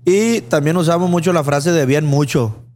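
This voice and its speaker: A man with a Sinaloan accent chatting casually in a restaurant, slangy and relaxed, often checking that he is understood. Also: fairly high pitch, normal speed. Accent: Sinaloan Mexican Spanish. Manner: relaxed, slangy, keeps asking "sí me explico". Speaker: co-host. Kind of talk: casual chat.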